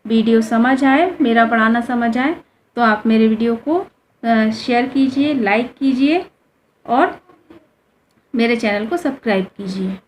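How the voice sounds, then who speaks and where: A woman's voice: on the high side, measured pace, slight background noise. A woman teaching a class, patiently asking questions and answering them herself, drawing out vowels to show how they sound. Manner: draws out vowels to demonstrate them. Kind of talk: explaining a lesson to students.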